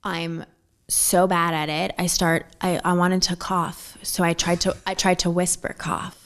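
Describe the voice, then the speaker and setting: A woman's voice: lowish voice, flat delivery, a little slow, a bit bright. A woman as a podcast guest, talking casually and filling with "like" and "you know". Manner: chatty, fills with "like" and "you know". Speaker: interview guest, social media manager.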